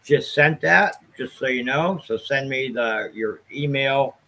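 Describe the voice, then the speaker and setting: A man with a bright, forward voice at a middle pitch talks casually on a livestream. He sounds like a co-host speaking informally to viewers. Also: measured pace. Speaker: livestream co-host showing collectibles.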